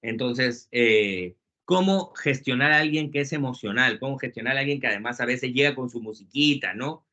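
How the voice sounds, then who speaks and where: A man giving a webinar talk on leadership, lively and joking, acting out quotes along the way. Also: mid-range voice, normal speed. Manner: lively, jokey lecturing with acted quotes. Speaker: webinar speaker. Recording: muffled lo-fi webinar audio.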